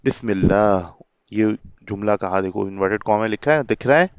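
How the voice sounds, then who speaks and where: Here the same lowish, clear, resonant voice belongs to an English teacher working through a children's story for a child, whom he calls beta. Every line is read slowly in English and then unpacked word by word in Urdu-Hindi. There's no room sound, and the quality is lo-fi.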